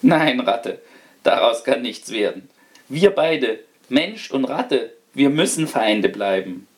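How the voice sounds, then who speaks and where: A man's voice: mid-range voice, sing-song, takes it slowly. A man voicing a skeptical farmer who speaks to a rat bluntly and scornfully. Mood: firm. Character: gruff, skeptical farmer, master of the house.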